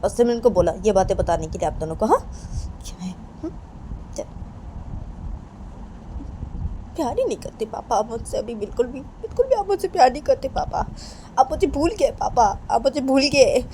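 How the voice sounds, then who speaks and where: A woman's voice: high-pitched, sing-song, normal speed, pauses often, a little mellow, slight background noise, voice pushed up. A woman voicing an upset young woman who pleads with her parents and keeps repeating reproachful questions. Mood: hurt, insistent.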